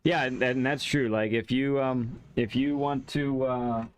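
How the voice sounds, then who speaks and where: Male gaming stream host, smooth clear voice at average pitch, casual and slightly halting. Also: steady tone. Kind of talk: casual live stream chat.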